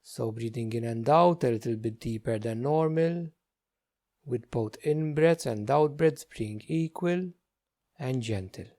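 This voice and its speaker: Gentle and unhurried, a mid-range male voice leads a guided meditation, offering short phrases separated by many pauses in the manner of a teacher.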